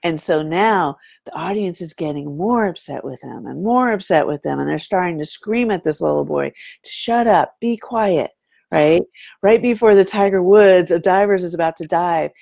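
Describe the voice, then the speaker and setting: A woman telling a story in a casual talk, animated and often checking in with "right?". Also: fairly low pitch, moderate pace, vocal fry, no echo, studio quality. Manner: animated, fond of saying "right?" to draw the listener in.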